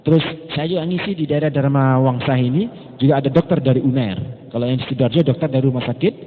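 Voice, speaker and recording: East Javanese preacher, tinny echoey hall recording. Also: male voice, medium pitch, fast talker. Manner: lively storytelling, acting out quoted people. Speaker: Islamic teacher. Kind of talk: religious study lecture. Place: lecture gathering indoors.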